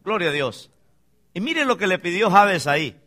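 A man's voice: sits high, sing-song, moderate pace, bright, forceful tone. A man preaching a sermon as pastor, emphatic, often calling out for amens and asking the congregation questions.

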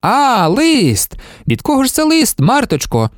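A man's voice: mid-range voice, animated, moderate pace, darkish tone, no echo, clean studio sound, natural voice. A man reading an audiobook, voicing a cheeky young male accountant who teases in familiar banter. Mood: teasing.

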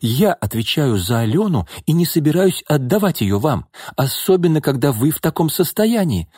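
A man's voice: on the high side, sing-song, normal speed, dark tone, slightly rough, no echo, clean studio sound, voice pushed up. A man playing a firm young nanny. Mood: stern. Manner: cool, stern, composed.

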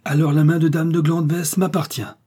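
Man playing an impassioned young knight, despairing lover, dark husky voice, voice rises on pleas. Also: mid-range voice, normal speed, close to an everyday voice. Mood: resolute. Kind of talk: audiobook reading.

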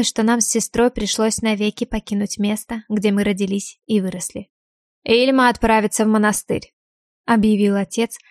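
A woman's voice: medium pitch, darkish tone, no echo, clean studio sound. Woman narrating an audiobook. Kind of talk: scripted first-person narration.

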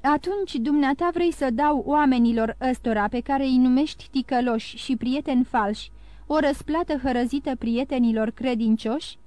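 A woman voicing a calm, sly male priest who talks in an even, coaxing way in an audiobook. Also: sits high, dry recording, voice pushed up, lightly acted.

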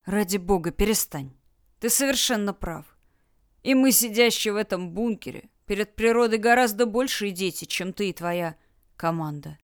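A woman reading an audiobook, voicing a gentle old man who mumbles soft, soothing words. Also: medium pitch, normal speed, no room sound, studio quality, close to an everyday voice. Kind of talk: audiobook character voice.

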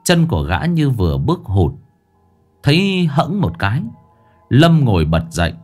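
A man narrating a ghost story in an expressive, dramatic way. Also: mid-range voice, normal speed, soft background music.

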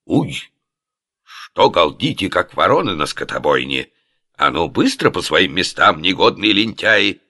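Caravan master: a man playing a gruff, commanding boss with a deep voice. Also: big pitch swings, measured pace, pushed and bright, no echo, clean studio sound, exaggerated voice. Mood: bossy. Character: bossy, fat male caravan master.

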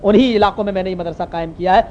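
A man from Uttar Pradesh, India, preaching a sermon through lively anecdotal storytelling. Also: high-pitched. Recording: muffled lo-fi recording with faint hiss.

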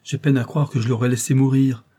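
A man's voice: medium pitch, normal speed, warm tone, slightly rough, voice pushed up. A man voicing an anguished young widower. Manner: impassioned outbursts. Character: grieving young husband, passionate and anguished.

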